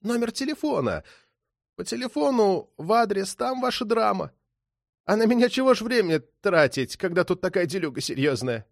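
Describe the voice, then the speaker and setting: A man playing a sly little thief who speaks high and soft, fawning and cheeky. The voice is light and raised in pitch and gets quieter to coax the listener, with a dry sound. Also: very animated, normal speed, no room sound, heavily acted. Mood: wheedling. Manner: ingratiating, hoarse-voiced, playful. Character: cheeky small-time male thief, wheedling and sly.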